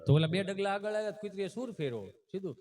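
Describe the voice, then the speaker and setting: A male folk comedian with a strong Kathiawadi accent tells stories on stage in a fairly high voice. His delivery is folksy and teasing, and he keeps calling out to the crowd as bapu. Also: animated, quick pace, a little mellow. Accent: Kathiawadi Gujarati. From Saurashtra, Gujarat.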